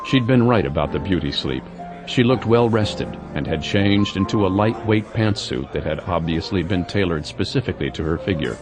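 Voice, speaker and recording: A man's voice: deep voice, animated, normal speed, over music. A man narrating a thriller story in a scripted, storytelling style.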